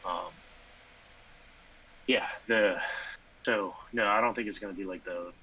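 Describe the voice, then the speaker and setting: A man co-hosting a casual sports podcast, rambling with lots of fillers and sudden animated bursts. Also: fairly low pitch, a little slow, breathy edge, low-quality recording. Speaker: podcast co-host.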